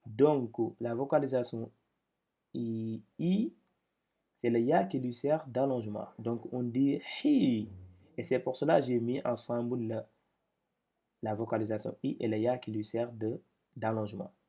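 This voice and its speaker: A man's voice: medium pitch, moderate pace, mellow, breathy edge. A man teaching a step-by-step lesson, explaining patiently with repetitions and speaking up when he drills syllables.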